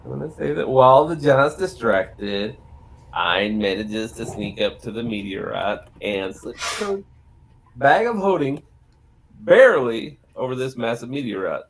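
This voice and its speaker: A man narrates a tabletop game casually as game master. His mid-pitched voice is very animated yet slow in pace, with faint noise in the background. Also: low-quality recording.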